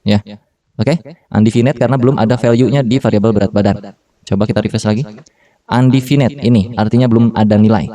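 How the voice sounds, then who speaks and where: Recorded on a distant mic, a male coding tutor in his 30s chats through a lesson in slangy, Jakarta-flavored style, with fillers and frequent self-corrections. His voice is lowish and dark, his intonation fairly even, and his pace quick.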